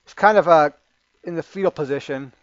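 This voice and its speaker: A man runs a tabletop game as game master, his voice sitting a little high for a man. He halts and repeats words while he thinks. The sound is dull and muffled, in a dry space. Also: a little fast, dry recording.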